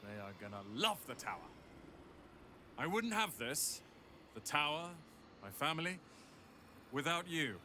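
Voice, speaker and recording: A young tiefling wizard, game character, proud, resentful, bright tense voice, curt delivery. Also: male voice, a little high, very animated, unhurried, pauses often, slight background noise, heavily acted. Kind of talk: video game voice acting.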